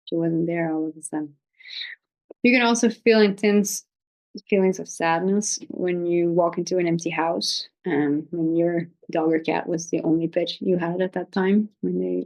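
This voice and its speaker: A woman with a fairly low voice and plenty of vocal fry hosts an informal video. She speaks unscripted in a gently consoling way, often hesitating and letting thoughts trail as she searches for words. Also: poor audio. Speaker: video host giving pet-loss advice. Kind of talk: informal, unscripted talk to viewers.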